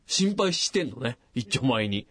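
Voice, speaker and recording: Over a studio microphone, a late-night radio host casually recounts a long personal story, animatedly acting out each person's voice with big pitch leaps. He speaks at a moderate pace in a husky voice, with no room sound.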